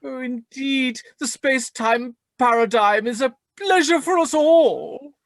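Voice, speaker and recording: Woman playing a weary, high-voiced pedantic professor. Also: a little slow, no echo, clean studio sound. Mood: pleading, weary. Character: long-suffering, deferential, jargon-spouting academic professor. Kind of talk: comic pantomime acting.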